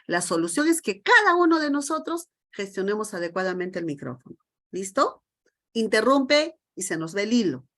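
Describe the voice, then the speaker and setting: A middle-aged woman trains teachers over a video call. She speaks emphatically and keeps putting rhetorical questions to her group, with a voice of ordinary pitch. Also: very animated, moderate pace, fairly bright tone. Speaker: teacher trainer leading a session.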